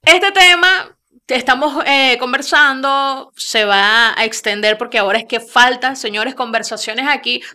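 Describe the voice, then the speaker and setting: A young Venezuelan woman hosts a studio chat, talking in a lively, animated storytelling way with lots of repeats. Her voice is bright, smooth and a touch high, close on a desk mic. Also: a little slow. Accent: Venezuelan Spanish. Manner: lively storytelling with many repeats and hand gestures. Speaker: radio host. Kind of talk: casual interview talk. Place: small studio with screen backdrop.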